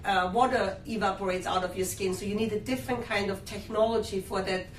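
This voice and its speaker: A woman hosts a skincare sales show, chatty and upbeat, often pausing on fillers. Her voice sits at an ordinary pitch and is picked up from a distance. The room echoes and a faint hum stays behind her. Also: steady tone. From Austria. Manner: chatty, enthusiastic sales talk with many fillers. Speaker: skincare brand host. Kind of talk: live shopping-show interview.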